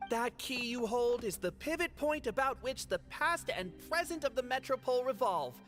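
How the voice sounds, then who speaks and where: Earnest scholarly clan leader, man acting; measured but with lively pitch. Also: soft background music.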